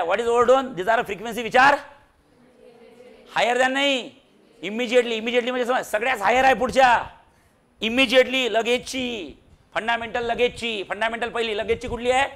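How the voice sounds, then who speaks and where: A man's voice: very high-pitched, fairly bright tone. A man teaching a physics class in a classroom, quizzing and teasing his students with jokes. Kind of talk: classroom lecture.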